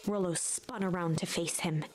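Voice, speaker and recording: A woman voicing the storybook narrator of a game, in a measured telling manner. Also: on the low side, steady tone, soft background music, lightly acted.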